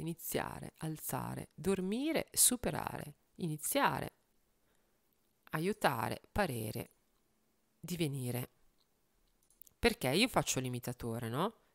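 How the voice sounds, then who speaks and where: A woman's voice: low-pitched, gravelly, no echo, studio quality. A woman who sings, thinking aloud in casual chat while she strings words into lyrics, muttering lists of words and trying out phrases with a wry, self-mocking manner. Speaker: singer and video host.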